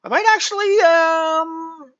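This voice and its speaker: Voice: very high-pitched, steady tone, slow pace, a bit bright, muffled recording. A poker streamer chatting casually with live viewers, rambling along with plenty of fillers and restarts.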